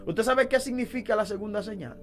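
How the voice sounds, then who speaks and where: A man's voice: high voice, a little fast, fairly bright tone, faint music behind. A man preaching a sermon as a deliverance minister, emphatic and fond of rhetorical questions.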